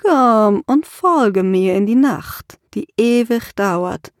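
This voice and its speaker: Hypnotic storybook vampire, drawn-out and luring, voiced by a woman. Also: a little high, expressive, no echo, studio quality. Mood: seductive. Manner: slow, luring, murmuring. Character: seductive male vampire, soft and hypnotic.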